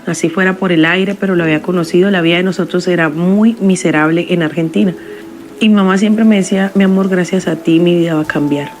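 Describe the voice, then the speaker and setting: A woman telling a first-person story in a somber, measured confessional way. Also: on the low side, slight background noise.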